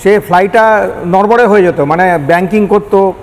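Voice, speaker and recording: Here the former air traffic control manager's high-sitting voice moves at an ordinary speed. An older man with a Kolkata Bengali accent, he lays out his explanatory answers one step at a time for a news interview, using English technical words along the way, while a noisy, echoing hall surrounds him.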